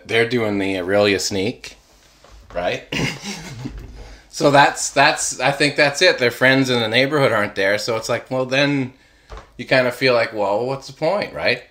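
A man in casual conversation who laughs often and keeps breaking into loud, yelled voices for things he imagines talking. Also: medium pitch, measured pace. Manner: laughing, animated, swearing, acts out plants in loud yelling voices. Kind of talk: casual chat.

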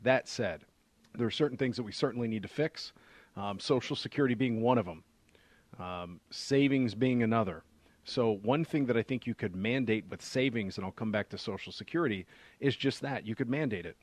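A man's voice: mid-range voice, brisk, dry recording. A man giving a conversational explanation as a financial adviser on a radio show, using rhetorical questions and repetition for emphasis.

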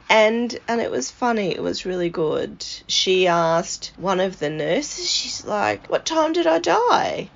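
An Australian woman speaks in a lowish, gravelly voice, telling a personal story in a candid, rambling way. She hosts her own podcast. The recording sounds dull and lo-fi. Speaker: podcast host. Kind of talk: personal monologue.

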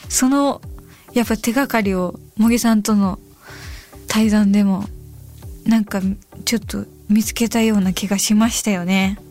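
A woman hosting a radio show in a studio, chatting casually about listener messages with giggles and soft whispered asides. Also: medium pitch, steady tone, moderate pace. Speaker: radio host. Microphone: studio microphone. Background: faint background music.

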